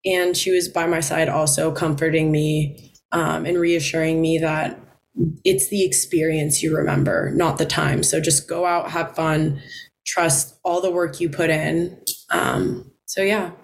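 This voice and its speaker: A young woman college swimmer from the Philippines, answering interview questions in a relaxed way with frequent ums and light laughs. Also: sits low, measured pace, creaky. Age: 20s.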